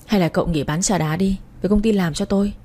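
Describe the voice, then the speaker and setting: A woman's voice: medium pitch, fast, mellow, close to an everyday voice. A woman voicing a generous businessman who speaks kindly to a friend. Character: kind, generous successful businessman.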